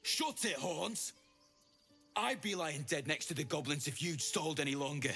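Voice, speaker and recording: A man's voice: fairly high pitch, expressive, normal speed, creaky, sharp tone, breathy edge, faint music behind, exaggerated voice. An actor playing a hostile, scornful adult male mercenary in a video game, sneering and insulting.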